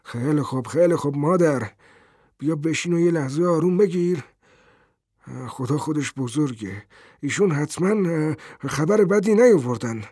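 A man voicing a grieving elderly father who talks softly and haltingly. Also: on the low side, expressive, no room sound, studio quality. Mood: soothing. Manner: soft, hushed, halting.

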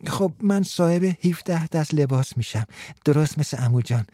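A man's voice: on the high side, lively intonation, mellow, no room sound. A man voicing an anxious, lovesick young shop clerk in an audiobook, earnest and fretful. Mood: pleading. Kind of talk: audiobook character reading.

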